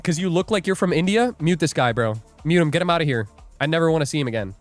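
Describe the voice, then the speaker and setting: A young man hosting a live day-trading stream jokes and rambles while reading viewer comments aloud. His voice is a little high with lively intonation, he talks fast, and faint music plays behind him.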